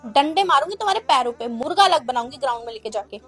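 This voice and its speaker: A woman's voice: sits high, expressive, a bit bright, faint music behind. A woman playing a harsh, scolding schoolteacher. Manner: scolding, threatening, rapid-fire questions. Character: harsh strict female schoolteacher scolding pupils. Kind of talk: comedy skit acting.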